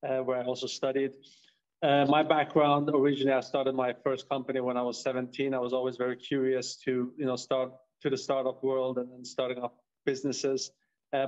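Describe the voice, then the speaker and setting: Flat-voiced Swedish-accented man on lo-fi audio. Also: medium pitch. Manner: relaxed, with "you know" fillers. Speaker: guest, co-founder. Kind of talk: interview answers. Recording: dull lo-fi audio.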